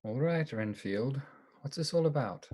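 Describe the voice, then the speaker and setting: A man's voice: medium pitch, animated, a little slow, darkish tone. A man playing a stern, exasperated asylum doctor in a radio play, curt and formal. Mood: firm, exasperated. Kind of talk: live radio play acting.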